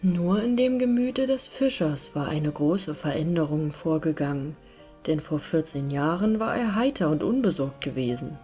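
An audiobook reader narrates a scripted fairy tale in a low-pitched, animated voice at normal speed. Soft music plays behind her storytelling.

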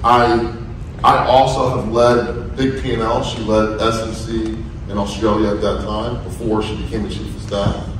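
A man's voice: on the low side, level tone, normal speed, background noise. Echoey man giving a conference speech. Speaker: corporate sales leader speaking on stage. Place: large conference hall stage, indoors. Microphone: recorded from the audience. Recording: echoey hall from far off, music behind.

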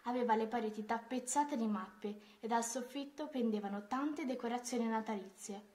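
A woman reading a children's Christmas story aloud, in a gentle, expressive way. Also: a little high, moderate pace.

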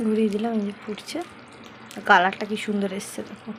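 A woman in a casual cooking vlog, talking softly and slowly in a tired, hoarse voice because she feels unwell. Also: medium pitch, little pitch movement, slight background noise. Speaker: cooking vlogger. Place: home kitchen.

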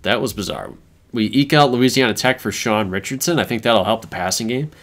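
A man's voice: lowish voice, lively intonation, brisk. A man hosting a casual chat about a football video game, laid-back as he walks through results. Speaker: host. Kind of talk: casual gaming commentary.

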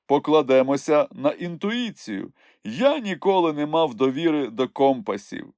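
A man voicing a calm, wise young male wanderer in a storybook reading, composed and giving advice. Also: a little high, measured pace, no echo, clean studio sound, pitched above the performer's own voice. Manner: composed, advising. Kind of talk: audiobook character voice.

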